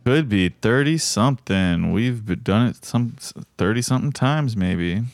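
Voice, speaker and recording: A man from South Florida talks through a relaxed podcast chat, his low voice bouncing up and down with animated swings. He rambles, restarts and pads his sentences with fillers, recorded dry and close with faint music underneath. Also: a little slow. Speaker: podcast co-host. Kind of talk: casual chat.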